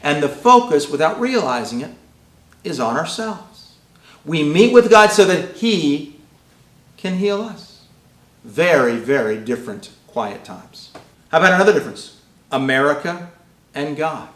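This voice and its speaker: A middle-aged man giving a sermon-style keynote, swinging between loud and hushed delivery. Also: a little high, big pitch swings, a little slow, long pauses, reverberant. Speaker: keynote speaker.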